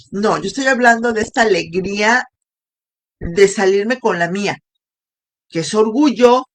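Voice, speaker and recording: Middle-aged woman speaker, testimony sermon, chatty storytelling that checks in with the audience, mid-pitched voice. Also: fairly bright tone. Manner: conversational storytelling, asks audience questions. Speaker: women's ministry speaker.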